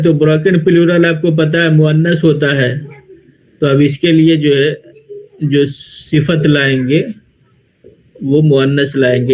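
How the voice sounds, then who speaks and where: A man's voice: on the high side, a little mellow. A man teaching Arabic grammar in Urdu with an Indian Urdu accent, explaining step by step and answering his own questions. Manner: explains slowly, asks questions and answers them himself. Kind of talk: classroom lecture.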